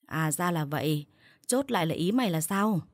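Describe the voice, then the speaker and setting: Gruff elderly father-in-law, coarse and scolding, voiced by a woman narrator; low and dry. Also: animated, normal speed, dry recording. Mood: sarcastic. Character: gruff older male father-in-law, hot-tempered.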